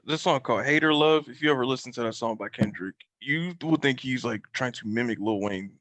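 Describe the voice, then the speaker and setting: A man co-hosting a casual podcast chat, playful and lively. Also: medium pitch, fairly quick. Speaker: podcast co-host.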